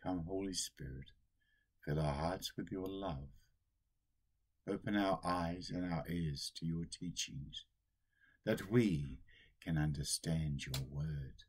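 An older priest delivers a solemn sermon slowly and deliberately, his low-sitting voice carrying a breathy edge. It was recorded on a webcam in a small room at home.

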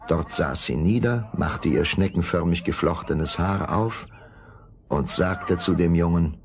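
A man narrating a fairy tale in an expressive storytelling style. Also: low voice, unhurried.

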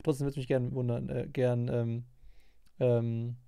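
Gravelly-voiced male streamer, dry sound. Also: mid-range voice, flat delivery, warm tone, no room sound. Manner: rambling, filler-heavy, quick to react. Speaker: streamer reacting to a video. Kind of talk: casual reaction commentary.

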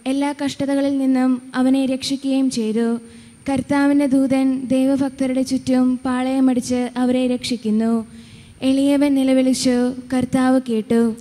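Woman lector reading at mass, high mellow voice, long church echo. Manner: steady measured reading. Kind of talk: liturgical scripture reading. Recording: reverberant church hall.

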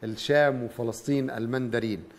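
The middle-aged Egyptian-accented host of a TV call-in dream interpretation show talks with callers conversationally, asking questions from the studio. He has a mid-range voice, a steady tone and a brisk pace.

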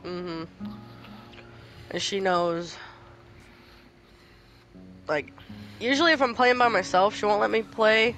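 Bright-voiced swearing woman gamer. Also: medium pitch, slow, pauses often, soft background music, poor audio. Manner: chatty, swears freely, ranting complaints. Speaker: game streamer. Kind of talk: casual chat while gaming.

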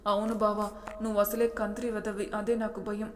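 A timid, childlike young wife who stammers when she is scared, as a woman storyteller puts her on. Her mid-pitched voice stays flat and level. Long hall reverb follows each line. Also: brisk, a little hiss or hum, natural voice. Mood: timid, pleading. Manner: hesitant, stammering.

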